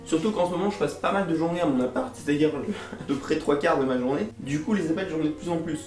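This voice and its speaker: A young adult man, the host of a YouTube video, fires off a casual, comic rant to the camera, exasperated and theatrical and peppered with slangy swearing. His voice sits a little high with a darkish tone, and he talks fast. The room echoes noticeably, and music plays underneath.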